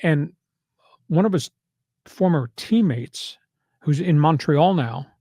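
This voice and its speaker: Slow and animated, this older sports podcast host speaks in a fairly high voice with a dark tone and a breathy edge, punching his points and slipping into preachy rants during casual sports talk. The sound is close and dry, with no room in it.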